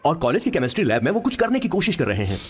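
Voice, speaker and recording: Comic sidekick narrator, animated and slightly high, film music. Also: male voice, racing. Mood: chatty. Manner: chatty, comic. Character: chatty young male assistant narrating his boss. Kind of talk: Hindi film dub narration.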